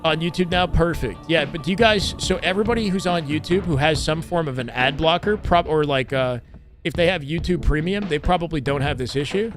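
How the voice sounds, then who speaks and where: A man with a slightly high voice commentates a game stream in a casual, chatty way. He welcomes and thanks viewers in hype slang, with music faintly behind him. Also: fairly quick. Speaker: live streamer and esports commentator. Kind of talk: casual stream commentary and chat shout-outs.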